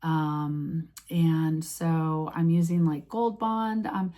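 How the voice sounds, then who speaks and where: A woman in her late fifties talks casually to the camera, wandering through her thoughts with frequent fillers and self-corrections. Her voice sits low and sounds mellow and relaxed. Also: drawn-out words. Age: 50s. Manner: rambling, many restarts and fillers. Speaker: vlogger.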